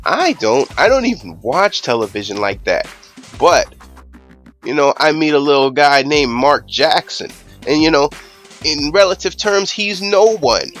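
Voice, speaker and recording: A man's voice: fairly high pitch, very animated, a little slow, a bit bright, soft background music. Man ranting profanely to camera. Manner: profane, rambling, emphatic. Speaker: YouTube channel host. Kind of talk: casual ranting monologue.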